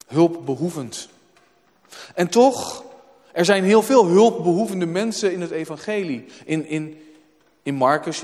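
A man's voice: a little high, a little mellow. A man preaching a sermon in a church, emphatic and repeating words for weight. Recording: long hall reverb.

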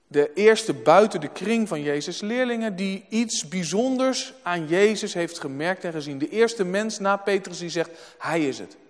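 A man preaching a sermon in a church, emphatic and repeating words for weight. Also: high voice. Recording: long hall reverb.

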